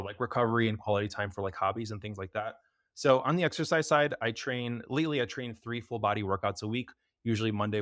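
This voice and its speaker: On a podcast, a young American preventative health expert chats in an easygoing interview, rattling along fast with plenty of fillers. His pitch is fairly low and his tone a bit bright. The audio is studio quality, with no echo.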